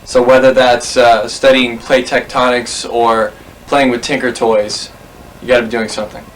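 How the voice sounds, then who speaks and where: A man's voice: medium pitch, little pitch movement, moderate pace, a little hiss or hum, rough recording. A man telling a personal anecdote to a documentary camera, rambling and correcting himself as he goes. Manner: rambling, self-correcting storyteller. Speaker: interviewee.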